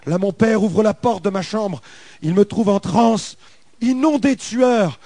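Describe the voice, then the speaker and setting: A man's voice: high-pitched, unhurried, mellow, no room sound. A man with a French accent telling a dramatic personal testimony, emphatic and repetitive in his storytelling. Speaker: testimony speaker.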